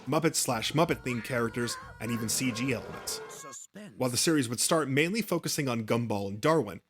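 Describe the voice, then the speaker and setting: A man's voice: medium pitch, fairly bright tone. A man narrating a history of a cartoon channel, reading a script with small slips and restarts. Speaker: YouTube narrator.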